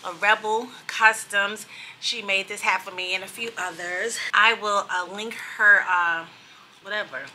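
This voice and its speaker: A woman's voice: medium pitch, unhurried, slight background noise. Chatty middle-aged New woman. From New York. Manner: chatty, rambling, animated asides. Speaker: vlogger. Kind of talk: casual vlog chat. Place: hotel room.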